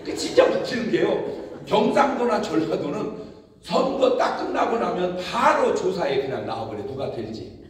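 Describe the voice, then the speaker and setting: Animated male preacher in an echoey hall. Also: sits high, moderate pace. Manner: animated storytelling with mimicked voices and laughter. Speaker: pastor. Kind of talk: humorous revival sermon. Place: large church hall. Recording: echoey church hall, picked up from far off.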